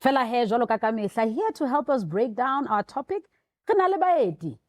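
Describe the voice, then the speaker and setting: A woman's voice: on the high side, lively intonation, fairly quick, dry recording. A woman with a South African Sotho accent, presenting and interviewing as a talk show host.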